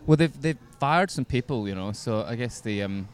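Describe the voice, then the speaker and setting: A man appearing as a podcast guest, giving measured, thoughtful opinions about beer in casual chat. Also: mid-range voice, animated.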